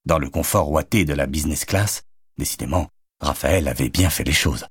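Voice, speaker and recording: Deep, husky male audiobook narrator. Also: normal speed, dry recording, studio quality. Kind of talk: scripted novel narration.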